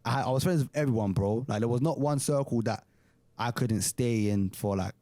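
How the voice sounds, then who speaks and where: A man's voice: mid-range voice, normal speed, warm tone, dry recording. A man in his twenties with a London roadman accent, co-hosting a casual, slangy, talkative chat. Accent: London urban roadman slang accent. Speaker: podcast co-host.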